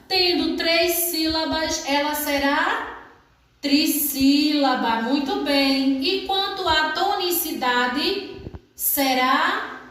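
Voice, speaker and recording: A woman with a Brazilian Portuguese accent gives a recorded lesson to young schoolchildren. Her voice sits high, and she talks at an unhurried pace, drawing words out syllable by syllable. The room rings with heavy echo. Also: fairly bright tone. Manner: slow, careful, drawn-out syllables for young pupils. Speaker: primary school teacher. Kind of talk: recorded remote lesson for children. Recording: very echoey room.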